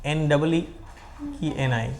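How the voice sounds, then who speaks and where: A man teaching a classroom of students, switching between slow dictation and teasing banter with them. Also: on the high side, sing-song, a little hiss or hum.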